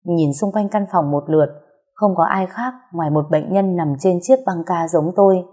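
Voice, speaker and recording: A woman narrating a scripted horror story in a calm, even way. Her voice sits low and sounds soft and mellow. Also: normal speed, breathy edge.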